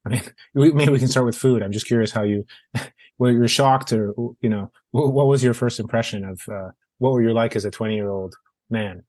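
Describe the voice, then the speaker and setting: A man's voice: mid-range voice, brisk, a little mellow, no room sound. A man interviewing a guest, asking long, loosely phrased questions.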